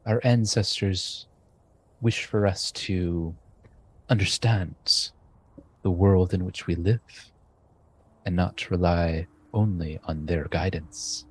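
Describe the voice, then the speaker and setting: A man's voice: low-pitched, steady tone, breathy edge, full character voice. A man doing a grave blind shaman. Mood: solemn. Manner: slow, grave, measured delivery.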